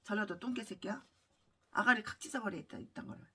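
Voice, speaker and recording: A woman pastor delivering a furious, abusive sermon, swinging between shouting and low muttering. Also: fast, husky, recorded from a distance. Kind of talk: ranting sermon.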